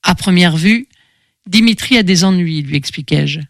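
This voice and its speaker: In an audiobook, a woman narrates a first-person novel with steady, expressive delivery. Her voice is on the low side at a normal speed, with no room sound.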